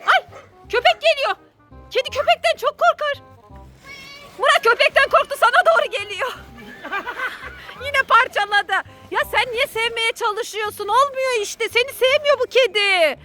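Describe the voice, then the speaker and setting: A woman hosting a game channel, narrating her play in an excitable, shrieking, giggly way. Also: very high voice, measured pace, soft background music. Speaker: game player and host. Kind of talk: narrating a game while playing.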